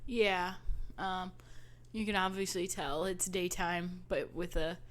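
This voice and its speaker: A woman co-hosting a relaxed film discussion. She speaks in an easygoing way, thinking aloud and giggling between her points. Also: on the low side, slow. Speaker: podcast co-host.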